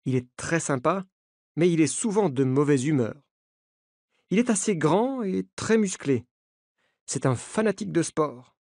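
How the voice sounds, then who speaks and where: Slow deliberate male audiobook narrator. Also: on the high side, expressive, a little mellow, no room sound, studio quality. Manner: deliberate, carefully articulated. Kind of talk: slow scripted narration for language learners.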